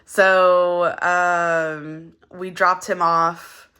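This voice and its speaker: A budgeting vlogger, a young woman, chats casually while counting money. Her slightly low but bright, forward voice is a bit gravelly and hoarse, as if she just woke up. She rambles with lots of fillers, counts aloud, and speaks in a level tone at an extremely slow pace.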